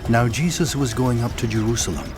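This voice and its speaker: A man narrating a dramatized Bible reading in a steady, clear storytelling manner. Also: medium pitch, a little fast. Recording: narration over music bed.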